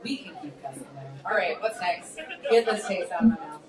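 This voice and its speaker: A woman's voice: on the low side, lively intonation, brisk, a crowd in the background. A woman taking part in a food challenge, chatting in casual comic banter. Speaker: challenge participant. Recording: echoey room, distant mic, audience noise.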